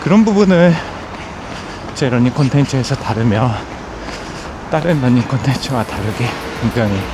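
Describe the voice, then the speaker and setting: A man's voice: mid-range voice, animated, moderate pace, background noise. A man talking to his viewers while running, in a casual vlog monologue broken into short phrases. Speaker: running content creator. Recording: music over outdoor recording. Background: music.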